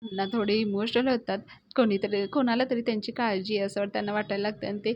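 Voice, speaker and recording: A woman's voice: medium pitch, steady tone, quick pace, muffled recording, slight background noise. A woman hosting a serial recap, retelling an episode in a conversational storytelling way.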